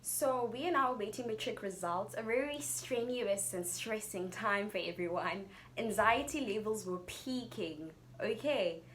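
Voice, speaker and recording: A young woman with a South African accent talks in a mid-range voice, telling a story casually to her viewers. Her delivery is chatty and slangy, with expressive turns. A faint layer of noise sits behind her. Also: mid-range voice, measured pace, few pauses. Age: young adult. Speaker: YouTuber telling a personal story.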